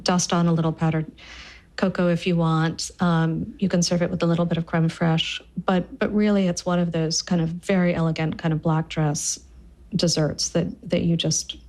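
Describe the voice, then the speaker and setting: A woman who writes cookbooks talks enthusiastically about a recipe during a casual interview, repeating words as she thinks. Her voice is lowish and a little mellow, with a flat delivery at a moderate pace.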